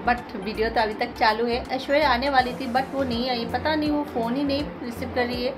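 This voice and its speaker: A woman's voice: fairly high pitch, fairly even intonation, fairly quick, over music. A woman filming a casual home vlog in her kitchen, chatting with her viewers as she works through chores step by step. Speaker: home vlogger.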